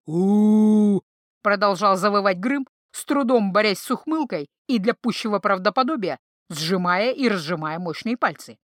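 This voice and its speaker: A woman narrating a fantasy audiobook in an even, clear storytelling manner. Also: mid-range voice, normal speed, few pauses, no room sound, clean studio sound. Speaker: audiobook reader. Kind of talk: scripted narration.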